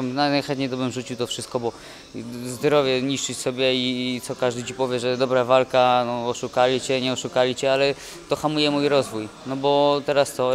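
A young man, freshly off a fight, talks through a post-fight interview in a downcast, stop-start way. He trails off and corrects himself often, at a middling pitch for a man. The recording is from a handheld mic in front of a sponsor wall at an indoor event. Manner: dejected, halting, many restarts. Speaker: boxer. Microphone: handheld mic held by interviewer.

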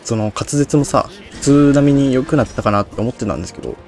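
A man's voice: mid-range voice, quick pace, a little mellow, soft background music. Male game commentator, mumbly and unclear, thinks aloud and puts himself down. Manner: rambling, self-deprecating, thinks aloud. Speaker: game streamer. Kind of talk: casual Let's Play commentary.

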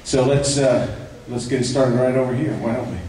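A man introducing his vocal ensemble at a live concert, halting with fillers and light jokes. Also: medium pitch, little pitch movement, warm tone. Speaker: ensemble director introducing singers. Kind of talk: live concert emcee talk. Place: church sanctuary. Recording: echoey church, distant mic, faint noise.

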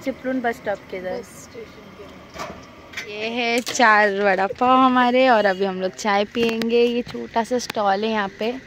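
A woman's voice: medium pitch, a little hiss or hum. A woman in her thirties chatting casually to camera in a travel vlog, recorded outdoors on a phone held at arm's length. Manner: chatty, informal, talks straight to camera. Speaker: travel vlogger. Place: outdoors at night by a roadside stall and at a temple.

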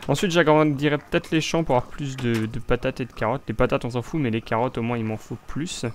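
Talking fast in a mid-range, fairly even voice, a young French-accented man chats through a Minecraft building session as a let's play host. His commentary is casual and rambling, full of restarts, and there is slight background noise.

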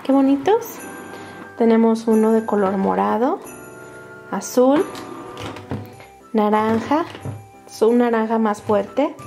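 With a fairly high pitch and a Latin American Spanish accent, a woman narrates toy unboxings and crafts for children on her toy channel. Her delivery is sing-song, bright and excited, full of diminutives for her young viewers, with music in the background.

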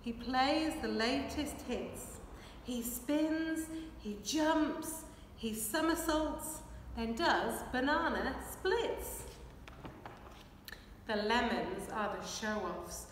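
In a big brick-and-plaster hall, a woman storyteller reads a children's picture book very slowly in a high voice, signing while keeping an expressive, rhythmic, measured pace. The camera sits a few metres away, so her voice sounds distant and strongly echoey, with a little faint noise.

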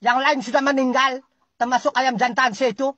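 Sabahan comic ranter, husky and exasperated, scolds an unseen listener with jumpy pitch, recorded dry. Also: fairly even intonation, fairly quick, fairly bright tone, dry recording, muffled recording. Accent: Sabahan Malay. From Sabah, Malaysia. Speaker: comic storyteller. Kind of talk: comic ranting monologue.

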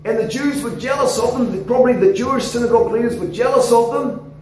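A man in his forties with an Australian accent, preaching an animated sermon into a handheld microphone in a church hall. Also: very high voice, fast. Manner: animated, gesturing, coaxing the congregation. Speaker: pastor. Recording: echoey hall, somewhat distant, faint noise.

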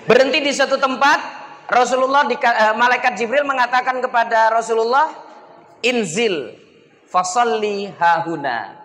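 A man's voice: very high-pitched, fairly even intonation, fairly quick, sharp tone, long reverb tail. A man preaching a humorous sermon in a mosque. He jokes with the crowd and keeps calling out to them as sir and ma'am. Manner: joking, chatty, addresses the crowd as Pak and Bu. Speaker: Islamic preacher.

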